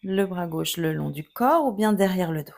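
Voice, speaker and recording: A woman teaching a yoga class, giving calm, gently guiding cues through each pose. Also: on the low side, moderate pace, gravelly. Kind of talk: guided yoga instruction.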